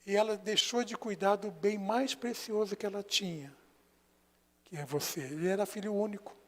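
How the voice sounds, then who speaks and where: A Brazilian man preaching as a pastor, telling a story and swinging between hushed and loud passages. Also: high voice, moderate pace. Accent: Brazilian Portuguese. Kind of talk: sermon. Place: church sanctuary. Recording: long church hall reverb.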